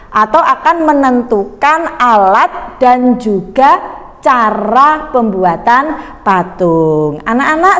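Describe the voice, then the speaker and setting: A woman primary teacher speaks in a slightly high voice. She explains slowly to children, prompting them with questions. The recording rings with long reverb.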